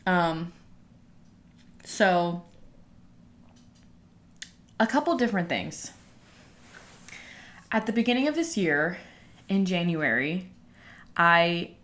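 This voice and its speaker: A young woman with a slightly low voice talks as if to her followers in a casual, candid way. She is audibly out of breath, breathing heavily between phrases, and her chatty storytelling is peppered with "like". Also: fairly bright tone. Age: young adult. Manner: chatty, filler-heavy with frequent "like". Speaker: vlogger speaking to followers.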